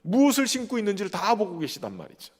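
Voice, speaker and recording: Male pastor, high-pitched, emphatic sermon delivery, recorded in a reverberant church sanctuary. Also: huge pitch swings, fast. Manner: earnest, emphatic preaching that often addresses the congregation directly.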